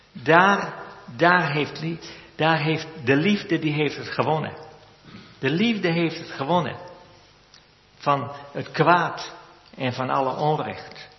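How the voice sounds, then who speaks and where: A man preaching a sermon in a church, slow and measured with solemn repetitions. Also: medium pitch. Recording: echoey church hall, lo-fi sound.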